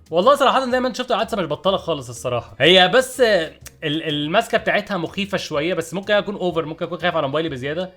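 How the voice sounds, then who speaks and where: A young man with an Egyptian Arabic accent rattles through a casual unboxing at a very fast clip. His voice sits a little high for a man, with a chatty, jokey, puzzled manner, and faint music plays underneath. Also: a bit bright. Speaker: product-review vlogger.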